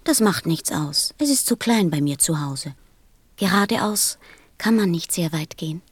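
An earnest little boy prince from another planet in a radio play. The voice is childlike and insistent, with a soft, husky breathiness. It is recorded close and dry. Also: fairly low pitch, expressive, a little slow, no room sound. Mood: musing, questioning. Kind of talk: audio drama acting.

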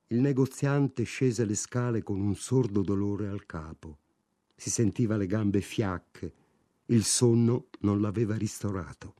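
A man reading a novel aloud in a measured, restrained narration. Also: fairly low pitch, mellow, dry recording, studio quality. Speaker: audiobook reader. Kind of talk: literary audiobook narration.

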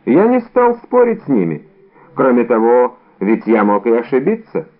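A cool, ironic musketeer answers with dry mockery, as a male audiobook reader plays him. His pitch moves freely. The sound is narrow and tinny, like a phone line. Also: normal speed. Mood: calm ironic. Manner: calm, dry, mocking. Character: calm, ironic male musketeer around thirty. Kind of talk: audiobook character reading.

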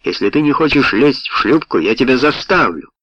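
A man reading aloud, voicing an impatient, bullying ship's mate who shouts angrily, on a dull, dry lo-fi recording. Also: medium pitch, normal speed, dry recording, voice pushed up, natural voice. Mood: angry.

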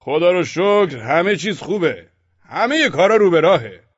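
A man's voice: high voice, sing-song, breathy edge, no echo, pitched above the performer's own voice, exaggerated voice. A man voicing a smug, boastful merchant in an audiobook, emphatic and self-satisfied. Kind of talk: audiobook character voice. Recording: dull, dry audio.

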